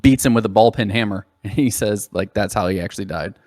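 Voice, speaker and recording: A man's voice: lowish voice, fast, no echo, studio quality. A man co-hosting a gaming podcast in casual chat, telling stories and laughing as he talks. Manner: animated storytelling, laughs while talking. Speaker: podcast co-host.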